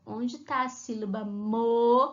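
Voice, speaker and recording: A woman's voice: high voice, lively intonation, a little slow, fairly bright tone, muffled recording. A woman teacher talking children through a worksheet in a remote class, patient and sing-song when she reads the rhymes aloud.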